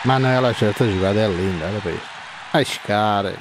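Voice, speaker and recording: A man, playing a football video game and reacting excitedly, shouting and repeating words. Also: lowish voice, quick pace, noisy background. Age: 50s.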